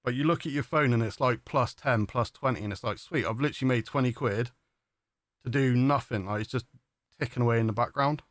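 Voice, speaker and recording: A man hosts a casual live stream, talking in an easygoing, matey way and breaking into laughter often. His voice sits at a middling pitch. The sound is dry and close, with no room echo. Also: a little fast. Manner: laughs often and peppers speech with "mate". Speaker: livestream host.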